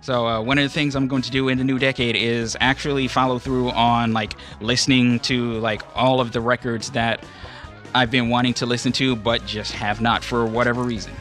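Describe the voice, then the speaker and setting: Male radio host, natural unscripted delivery, informal and loose, crisp bright edge, faint music bed underneath. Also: mid-range voice, level tone, normal speed. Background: background music.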